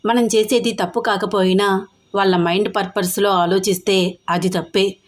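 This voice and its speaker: A woman voicing an earnest young businessman who pleads softly and reassures his fiancée in an audio story. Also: medium pitch, steady tone, normal speed, close to an everyday voice.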